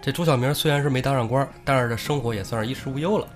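A man's voice: medium pitch, very fast, faint music behind. A man, hosting and telling a comic story in a chatty, joking crosstalk way. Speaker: host.

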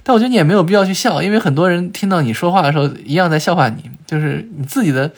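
A man as a podcast guest, telling travel stories in an animated way, with frequent filler sounds and restarts. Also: sits high, rapid-fire. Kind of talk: conversational storytelling in a podcast interview.

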